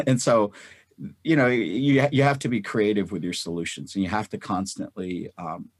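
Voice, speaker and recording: A low-voiced, slightly husky man in his fifties, from North India, answers an interview question at length. He stumbles and repeats words as he goes, then gets animated when he acts out what people said. The sound is close and dry. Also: moderate pace, no echo. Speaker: guest.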